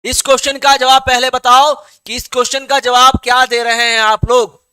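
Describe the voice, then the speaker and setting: A man's voice: very high voice, little pitch movement, moderate pace, sharp tone, clean tone. A man teaching an online exam-prep class, who reads out students' answers and keeps coaxing them, checking often that they have understood.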